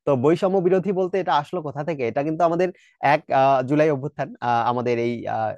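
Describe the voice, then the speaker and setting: Speaking fast in a fairly high, darkish-toned voice, a Bangladeshi man with a Bengali accent leads exam preparation, breaking things down step by step. He drops in English words, sounds out pronunciations, and asks rhetorical checking questions. There's no room sound, and the highs are cut off.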